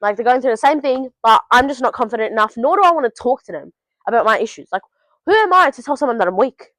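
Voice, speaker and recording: A teenage Australian vlogger gives blunt, sweary advice straight to camera in a casual video shot at home. Her voice is a little high and a bit bright, with lively intonation and a fast delivery. The audio is poor, though there's no room sound.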